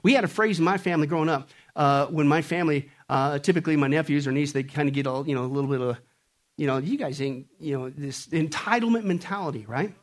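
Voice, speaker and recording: A man from Kansas preaching a sermon, talking casually and asking the audience questions, rising to loud peaks and then dropping to quiet asides. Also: fairly high pitch, fast. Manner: animated, swings from shouting peaks to hushed asides; conversational, asks the audience rhetorical questions. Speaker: pastor.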